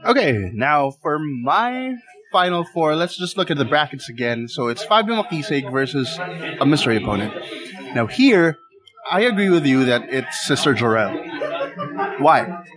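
An excitable man co-hosting a casual chat, hyping things up and laughing. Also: a little high, unhurried, a crowd in the background, low-quality recording. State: talking with his mouth full. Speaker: podcast co-host. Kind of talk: casual chat about wrestling picks.

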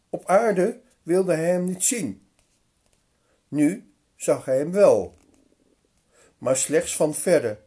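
A man retelling a Bible story slowly and expressively, with occasional hesitations. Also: on the high side, husky. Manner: slow, expressive narration with hesitations.

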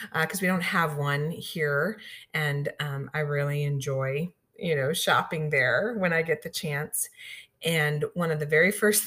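A middle-aged woman from Southeast Missouri tells a personal story in an easy, rambling way. Her voice sits a little low, and she fills pauses with ums and you-knows. Now and then a laugh slips into her words. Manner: chatty, frequent ums and you-knows, laughs through lines. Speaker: radio show regular sharing stories.

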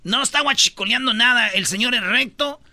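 A man with a Mexican Spanish accent hosting a comedy podcast, telling joking stories and shouting out quotes in put-on high voices. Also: brisk, dry recording. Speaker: podcast host. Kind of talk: joking storytelling chat.

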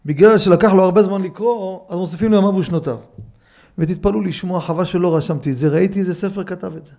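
A middle-aged man, a rabbi, giving a Torah lesson in a study hall, mixing teaching with animated, humorous anecdotes. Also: high voice. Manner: animated storyteller, acts out scenes with humor.

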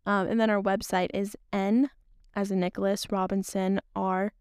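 A young woman chats earnestly on her faith podcast, drifting off topic with little laughs. Her voice has a gravelly fry to it, and she sounds close and dry with no room echo. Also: mid-range voice, little pitch movement, moderate pace, a little mellow. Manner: rambling, earnest, laughs often. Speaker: podcast host. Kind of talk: casual faith talk to women.

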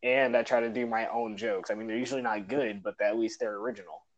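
A man co-hosting a casual podcast talks fast in a lowish voice with little pitch movement. He laughs a lot and trips over repeated words when starting sentences, and the recording sounds dull and lo-fi.

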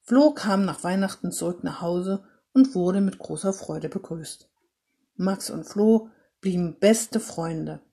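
Mellow woman reading a story aloud. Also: fairly low pitch, slightly rough. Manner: expressive, unhurried reading. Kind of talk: read-aloud Christmas story.

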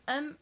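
A woman's voice: high voice, fairly bright tone. A young woman reading a fairy tale aloud to a friend, breaking off often to joke and laugh. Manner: joking, laughs often, reads with asides. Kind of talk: casual chat and reading aloud.

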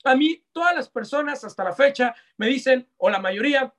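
A young Mexican man with a Mexican accent, giving live online sales coaching in a lively, slangy way that talks straight to his audience. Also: extremely high pitch, moderate pace. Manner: energetic, slangy, addresses audience directly. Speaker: sales trainer.

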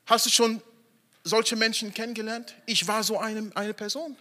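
A man's voice: sits high, steady tone, normal speed, bright, forceful tone. A man preaching an emphatic sermon, repeating phrases and stressing each word. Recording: long hall reverb.

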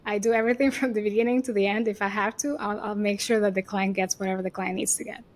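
Talking fast in a steady, ordinary mid-range voice, this woman, an agency CEO appearing as a guest, answers interview questions casually. Her Venezuelan Spanish accent comes through as she describes her work with confident, upbeat chattiness, peppering it with "like" and "you know."

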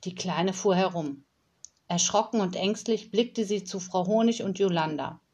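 A woman reading a children's story aloud in a calm, measured way. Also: medium pitch, slightly rough.

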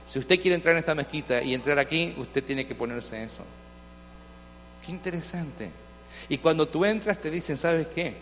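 A man's voice: on the high side, expressive, normal speed, a bit bright, slight background noise. A male pastor preaching a sermon with passion, asking his listeners rhetorical questions. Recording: dull lo-fi sound with long hall reverb.

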